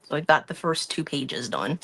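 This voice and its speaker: A woman with a slightly low voice hosts a crafting live stream. She chats in a loose, rambling way as she works through each step. Her talk stays casual and hands-on throughout. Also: animated, normal speed, a bit bright, slight background noise. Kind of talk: casual chat while crafting.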